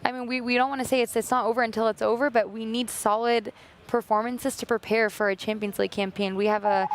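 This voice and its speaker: A woman's voice: fairly high pitch, flat delivery, fast, noisy background. A woman co-hosting a live football show, chatting and laughing easily. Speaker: co-host. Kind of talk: live match chat.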